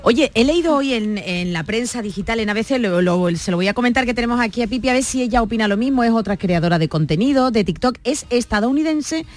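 A woman hosting a relaxed radio chat show. She talks in a chatty, easy way and speeds through news items she reads out to the others. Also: fairly high pitch, fast, few pauses, faint music behind. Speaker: radio host.

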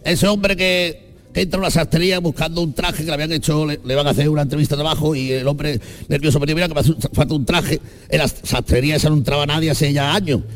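A man's voice: fairly high pitch, steady tone, quick pace, in a large hall, soft background music. A man telling rambling jokes on a radio comedy show and laughing at his own punchlines. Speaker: comedian guest. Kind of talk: comic storytelling on a radio show.

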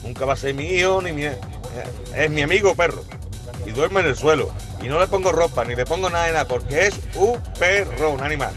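A man from Málaga province phones a radio show and states his opinions bluntly. His voice sits a bit high, and music plays clearly behind him. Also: animated, fairly quick. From Málaga province, Spain. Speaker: radio caller.

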